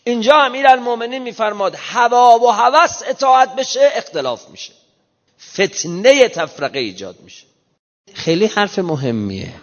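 A man giving an emphatic sermon in casual everyday speech, slowing down to recite scripture. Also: very high voice, big pitch swings. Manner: emphatic, quotes scripture in slow measured recitation; colloquial, explains modern slang. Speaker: preacher. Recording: muffled reverberant hall recording.

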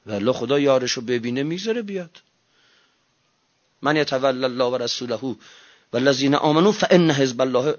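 A man preaching a religious sermon, moving between soft, low talk and loud shouted cries. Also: slightly rough. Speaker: cleric preacher. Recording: dull lo-fi recording.

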